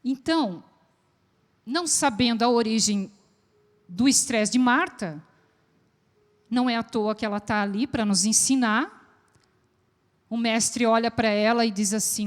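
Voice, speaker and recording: Lively Brazilian woman speaking in a church. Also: fairly high pitch. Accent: Brazilian Portuguese, southern. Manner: lively, asks the audience questions. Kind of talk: church talk to a congregation. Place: church hall. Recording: long echo of a large church hall.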